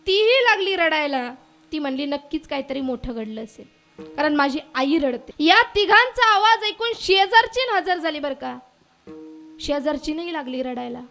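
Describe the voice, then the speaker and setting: A woman's voice: very high-pitched, a bit bright. A woman from Maharashtra giving a kirtan storytelling sermon, acting out each character's lines and often addressing her listeners as "maharaj". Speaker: kirtan preacher.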